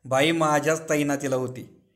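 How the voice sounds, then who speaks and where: A man's voice: fairly high pitch, steady tone, normal speed, a bit bright, natural voice. A man voicing a boastful elderly village notable who is smitten with his nurse, telling his tale with relish and drawing out his words.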